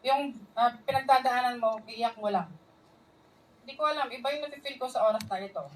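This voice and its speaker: High-voiced woman preaching from afar. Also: distant mic, rough recording. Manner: earnest, mixing English phrases, asks the crowd for responses. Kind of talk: sermon.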